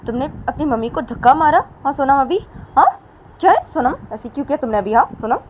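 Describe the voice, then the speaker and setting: A woman voicing a quick-tempered older woman who scolds loudly and fires off repeated questions. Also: mid-range voice, slight background noise, voice pushed up, close to an everyday voice. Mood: furious. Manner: loud, hectoring, repeats questions.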